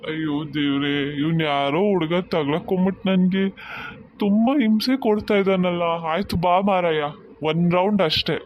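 A man's voice: sits high, normal speed, muffled recording, slight background noise, lightly acted. Man playing a stern god of death. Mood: exasperated. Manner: stern, commanding, exasperated. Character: stern male god of death, easily exasperated. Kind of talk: cartoon voice acting.

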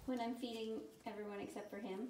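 In her home vlog, a young pet sitter talks quickly and cheerfully to her animals, filming with a handheld camera at arm's length. Her mellow voice is fairly high with little pitch movement, and there's slight background noise.

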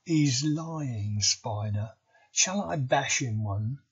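A man's voice: mid-range voice, expressive, very slow, husky, lo-fi sound, heavily acted. A man voicing a simple-minded schoolboy thug who wants to hit first, with blunt, whiny protests.

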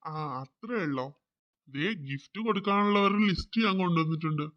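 Cast note: performer doing a kind old cartoon Santa, gentle, fatherly, mid-pitched, dull recording. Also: fairly quick, lightly acted. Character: kindly old male Santa Claus.

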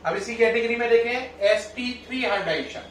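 A high-pitched middle-aged man teaching a chemistry class. He addresses his students as children and keeps checking with them through questions. The sound is roomy and picked up from a few steps away. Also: fairly quick, fairly bright tone, slight background noise. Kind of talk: classroom lecture. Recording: echoey room, mic at a distance.

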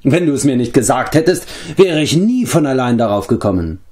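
A man's voice: medium pitch, big pitch swings, brisk, a little mellow, voice pushed up, close to an everyday voice. A man voicing a smug, mocking bandit chief who drawls his words in a storybook reading.

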